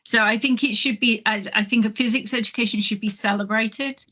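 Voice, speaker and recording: A woman's voice: a little high, steady tone, fairly quick, pushed and bright. A woman on a physics alumni panel, talking thoughtfully and earnestly, with many fillers and restarts. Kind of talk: panel discussion.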